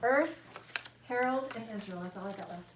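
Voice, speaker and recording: A woman's voice: a little high, normal speed. A woman leading a Bible class, giving casual, loosely worded instructions and rephrasing as she goes. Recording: roomy echo with faint room noise.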